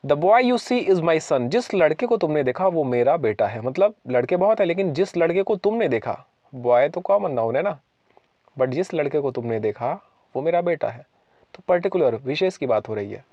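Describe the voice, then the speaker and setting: A man's voice: on the high side, lively intonation, moderate pace, darkish tone, dry recording, muffled recording. A man teaching an English grammar lesson, patiently explaining rules and asking questions that he answers himself.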